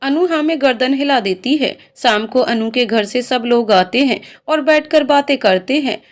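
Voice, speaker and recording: Slightly high-voiced woman storyteller. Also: moderate pace. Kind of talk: storybook narration.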